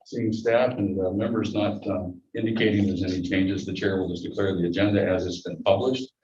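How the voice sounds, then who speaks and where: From a distance in a meeting room, a dull, echoey recording picks up a masked man chairing a public board meeting with dry asides. His low, darkish voice barely moves in pitch and runs a little fast, with a slight hiss or hum.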